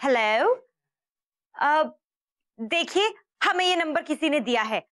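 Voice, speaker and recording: A woman's voice: sits high, expressive, takes it slowly, fairly bright tone, full character voice. An actress in her twenties with an Indian accent playing a naive, adoring, easily offended young wife in a TV sitcom. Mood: coy. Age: 20s. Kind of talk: TV sitcom acting.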